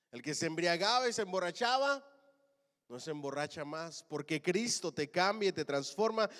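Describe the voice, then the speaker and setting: In a large church hall, a pastor with a high-pitched voice preaches a sermon, calling on the congregation to answer back. He swings between loud and soft lines.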